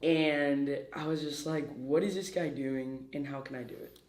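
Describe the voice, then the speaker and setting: A man's voice: on the high side, fairly even intonation, normal speed, darkish tone. A man in his twenties from Peru, a guest in a casual interview, talking in a hyper, brash way and swearing freely. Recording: echoey room.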